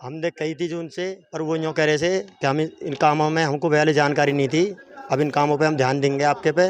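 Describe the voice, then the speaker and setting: A man's voice: fairly high pitch, steady tone, brisk. A man interviewed as a fraud victim, steadily recounting what happened.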